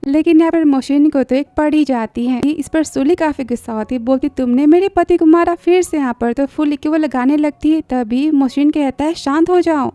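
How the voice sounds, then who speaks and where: A woman retells a drama in brisk, plot-driven narration. Her voice is high and mellow, recorded close and dry. Faint music plays behind her. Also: no echo. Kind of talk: storytelling recap narration.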